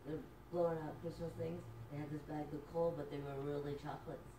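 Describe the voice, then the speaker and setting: A woman with a lowish voice makes a quiet, joking aside. She is heard from far off in an echoey room, with clear background noise. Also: little pitch movement, a little fast.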